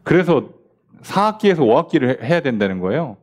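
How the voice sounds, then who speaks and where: A pastor leads a midweek Bible study in a chatty preaching manner, his voice pitched on the high side, very animated and fairly quick. He peppers his listeners with rhetorical questions and acts out short quoted exchanges.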